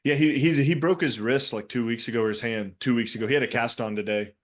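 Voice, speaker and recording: A man's voice: medium pitch, quick pace. A man co-hosting a casual soccer podcast over a video call, rambling with lots of fillers and restarts. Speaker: podcast co-host.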